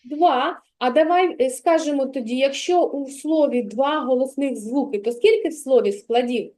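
A woman's voice: sits high, normal speed, a little mellow. A woman kindergarten teacher giving a child a one-on-one literacy lesson, patiently drawing out and stressing sounds and words.

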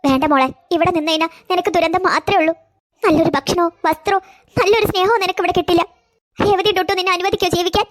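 A woman voicing a tender, self-sacrificing grandmother in a cartoon, gentle and coaxing. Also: extremely high pitch, fairly even intonation, quick pace. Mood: sad. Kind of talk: cartoon voice acting.

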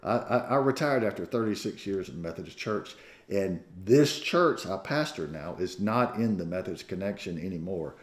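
Southern guy in his 60s preaching, folksy joking stories, low voice that goes up and down a lot. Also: expressive, normal speed. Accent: Southern American. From Southern United States. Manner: folksy storytelling with self-deprecating jokes. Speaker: pastor. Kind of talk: sermon. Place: church sanctuary. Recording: echoey church room.

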